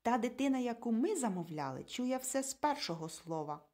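A woman's voice: medium pitch, steady tone, fast talker, a little mellow, natural voice. A woman voicing a fussy, demanding woman who complains in an indignant tone. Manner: whiny, indignant.

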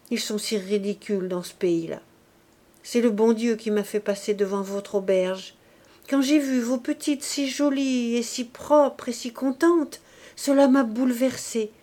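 Pleading young mother for a storybook reading, voiced by a woman, mellow and unhurried. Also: a little high. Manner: pleading, sincere. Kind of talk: scripted narration.

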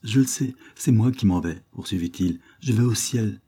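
A man reading aloud, voicing a feverish, dying little boy in a raised, soft, pleading voice. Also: lowish voice, normal speed, husky.

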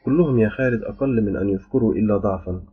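A man's voice: fairly low pitch, very fast, slightly rough. A man voicing a beautiful, playful and proud young female jinn who speaks with a teasing, smiling delivery. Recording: dull lo-fi with faint music.

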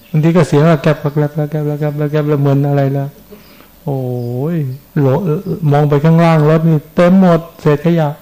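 A middle-aged monk preaching in a loose, conversational way, often turning to ask his listeners questions. His voice sits a little high and has a mellow, soft tone. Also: rough recording. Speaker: Buddhist monk giving a dharma talk. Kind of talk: sermon.

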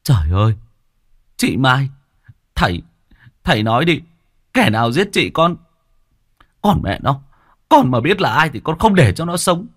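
A man's voice: mid-range voice, big pitch swings, a little slow, pauses often, a bit bright, no room sound, clean studio sound, voice pushed up. A man voicing a spoiled young gambler son who wheedles and wails dramatically. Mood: wailing. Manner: wheedling, theatrical wailing.

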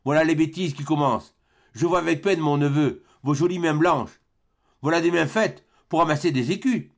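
A man's voice: a little high, normal speed, vocal fry, pitched above the performer's own voice. A man reading aloud, voicing a miserly old provincial man who is sly and mocking, with a sing-song teasing delivery. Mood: scoffing.

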